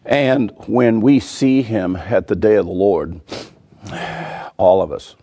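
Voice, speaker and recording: A man's voice: fairly low pitch, lively intonation, takes it slowly, warm tone. A man teaching a weekly Bible reading, earnest and emphatic, building his points with vivid word pictures.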